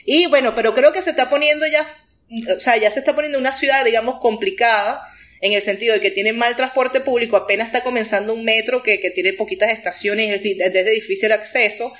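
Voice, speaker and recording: Venezuelan woman rambling in a chill interview, voice a little on the high side. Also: fairly even intonation, quick pace, a bit bright. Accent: Venezuelan Spanish. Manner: chatty, rambling, frequent fillers. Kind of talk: casual conversational interview.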